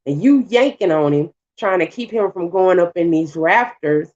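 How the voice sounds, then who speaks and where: A vlogger with a lowish voice casually tells a story while cooking at home, speaking at a normal speed. She's animated, acting out the voices of the people in it, and her phrasing is colloquial and repetitive. The home recording sounds dull.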